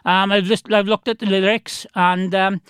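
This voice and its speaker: A man with a South Wales Valleys accent and a high, clean voice hosts a casual chat. He rambles on in a matey, effusive way, as an interviewer among friends. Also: flat delivery, normal speed, a bit bright, smooth, dry recording, studio quality. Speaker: radio host, interviewer.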